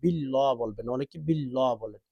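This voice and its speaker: A male Islamic preacher who talks quickly and urgently, then recites prayers slowly in drawn-out chant. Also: medium pitch, no room sound, highs cut off. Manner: fast urgent Bengali talk, slow drawn-out recitation. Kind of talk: sermon with chanted Arabic prayers.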